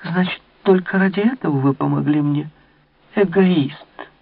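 A man's voice: a little high, measured pace, gravelly, no room sound, pitched above the performer's own voice. A man doing a playful young court lady. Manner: teasing and capricious. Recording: narrow phone-like old radio sound.

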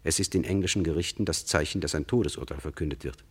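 A deep, slightly rough male voice narrates a true crime radio play, explaining things directly to the listener in a sober, measured manner.

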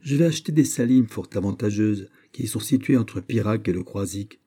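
A man voicing D'Artagnan, an aging, proud and sly musketeer, in an audiobook reading, talking in a brisk, boastful way. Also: lowish voice, animated, dark tone.

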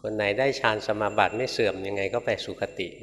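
A man, a Buddhist monk, giving a Dhamma talk in a conversational, gently humorous storytelling manner. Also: fairly low pitch, fairly even intonation, quick pace. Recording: reverberant hall with faint noise.

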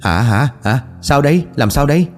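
A man voicing a gluttonous, foul-mouthed old male exorcist master who talks gruff and blunt. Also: lowish voice, animated, normal speed, a little mellow, faint music behind, close to an everyday voice. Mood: alarmed, commanding.

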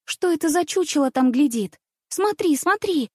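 A spoiled little girl of noble birth, high-pitched and bossy, who giggles and demands , as a woman puts her on for a storybook. The sound is dry and close. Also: expressive, moderate pace, dry recording. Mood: capricious. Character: spoiled rich little princess girl, capricious.

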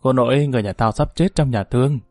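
A man's voice: medium pitch, quick pace, a little mellow, no room sound, lightly acted. A young airman mechanic pleads urgently in this audiobook scene, as the narrator voices him in close to his own voice. His words come out strained and anxious. The sound is dry, with faint music behind. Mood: pleading. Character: young male airman mechanic, torn and desperate.

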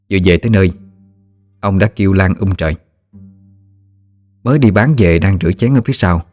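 A man narrating a ghost story audiobook in a steady storytelling manner. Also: sits low.

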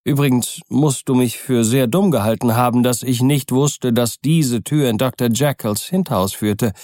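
A man voicing a calm, polite gentleman in an audiobook, in a mild conversational tone. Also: medium pitch, moderate pace, no echo, studio quality, pitched above the performer's own voice, natural voice. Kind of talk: audiobook character reading.

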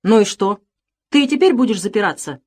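Woman doing a furious hot-tempered gentleman. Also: on the high side, expressive, normal speed, pitched above the performer's own voice. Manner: shouting, indignant.

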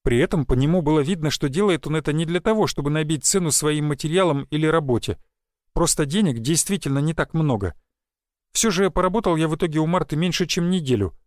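A man narrating a first-person fantasy audiobook in an even, wry, matter-of-fact way. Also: fairly high pitch, fast talker, dry recording, clean studio sound.

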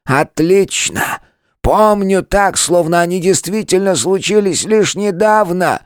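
A man voicing an ancient, stubborn male turtle elder who speaks with loud, drawn-out passion. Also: sits high, smooth, no room sound, clean studio sound, voice pushed up. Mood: impassioned. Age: older.

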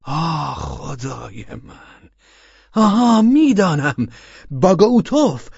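A man voicing an irritable, impatient gentleman in an audiobook, with sharp, exasperated outbursts. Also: lowish voice, big pitch swings, slightly rough, dry recording, dull audio, exaggerated voice. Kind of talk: audiobook character reading.

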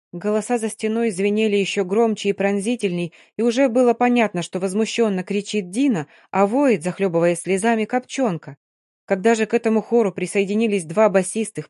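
A woman reads a novel aloud in an even, expressive storytelling voice. The sound is dry and close, with no room echo. Her pitch sits in a middle range. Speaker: audiobook reader. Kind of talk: scripted narration.

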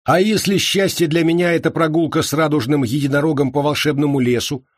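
A man's voice: a little high, steady tone, fast, no room sound, clean studio sound, voice pushed up, natural voice. A man voicing a sulky, pushy young African man who whines and pleads in a raised voice. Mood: pressing.

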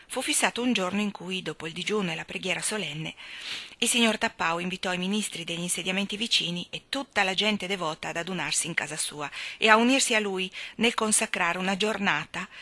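Audiobook narrator, woman, bright clear tone, dry close recording, measured storytelling. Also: mid-range voice, dry recording. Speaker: audiobook reader. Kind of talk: scripted narration.

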